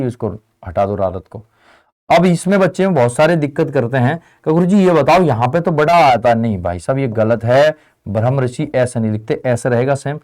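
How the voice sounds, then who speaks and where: A man's voice: fairly high pitch, a little mellow. A young man teaching a lesson in a chatty way, often asking students whether they follow. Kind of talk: classroom lesson.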